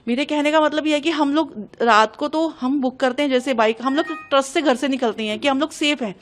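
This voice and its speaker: A woman's voice: sits high, slight background noise. A young woman giving an urgent, agitated account of an incident to a news reporter. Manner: urgent, agitated, hurried retelling. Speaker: interviewee recounting an incident. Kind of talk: emotional news testimony.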